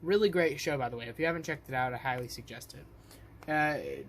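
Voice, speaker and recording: A man's voice: fairly high pitch, a little fast, a bit bright, a little hiss or hum. Rambling man reacting casually on camera. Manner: rambling, loose, many fillers. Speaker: reaction video host.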